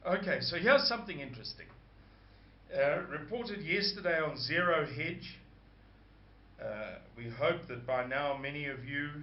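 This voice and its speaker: A man with a croaky voice, hosting a rambling casual monologue and stopping to search for words. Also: medium pitch. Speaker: host. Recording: dull lo-fi sound.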